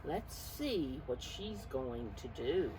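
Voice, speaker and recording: A preschool teacher reads a picture book aloud to young children in a bass voice at a slow pace, expressive and coaxing as she often asks her listeners questions directly. The background is noisy.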